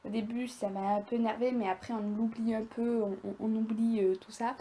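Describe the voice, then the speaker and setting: A woman's voice: a little high, level tone, a little fast, warm tone, slight background noise. A young woman talking casually to viewers in a review vlog, chatty and rambling as she goes. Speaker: video creator.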